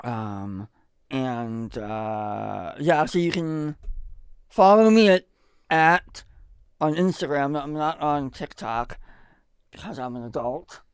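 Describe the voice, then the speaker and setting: A man's voice: medium pitch, fairly even intonation, slow, clean tone, no room sound, clean studio sound. A man chatting as a podcast guest about his upcoming film, talking hesitantly with many ums and restarts. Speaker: guest filmmaker. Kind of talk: casual podcast chat. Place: podcast studio.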